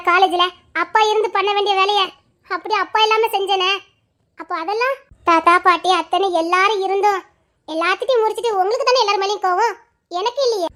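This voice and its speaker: Woman voicing a grown daughter, bitter, lecturing, emotional, fast talk. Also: very high-pitched, fairly bright tone.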